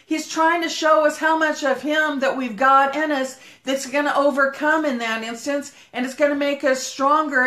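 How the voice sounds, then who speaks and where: A woman pastor giving a fervent livestreamed Bible teaching, talking fast as she walks and breaking into prayer. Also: high voice, a bit bright, roomy sound. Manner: talks fast while walking.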